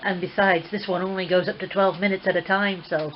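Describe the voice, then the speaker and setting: A woman chatting casually on a live stream, teasing and quick to laugh. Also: on the low side, steady tone, muffled recording, slight background noise. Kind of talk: casual chat.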